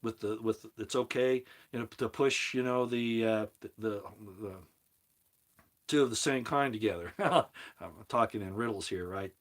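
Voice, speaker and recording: Viewers' comments get read aloud by a man hosting a casual scripture livestream, his voice medium-pitched and his speed normal. His replies ramble, with sentences often begun again.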